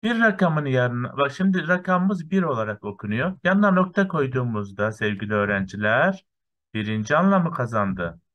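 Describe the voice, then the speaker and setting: A man teaching a lesson to young children, counting through lists slowly and patiently and often addressing his dear students. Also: medium pitch, big pitch swings, lo-fi sound. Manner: counts through lists step by step, often saying "sevgili öğrenciler". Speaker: primary school teacher.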